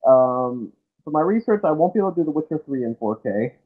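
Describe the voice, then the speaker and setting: A man's voice: a little high, quick pace. A man on a remote call whose voice sounds muffled, as if heard through a wall, chatting eagerly as a podcast co-host. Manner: eager, excitable. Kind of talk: casual tech chat. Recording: muffled tinny call line.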